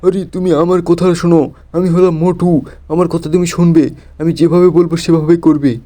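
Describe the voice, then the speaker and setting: Bossy chubby cartoon boy voiced by a man, raised pitch, dark tone, demanding. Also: flat delivery, fairly quick, close to an everyday voice.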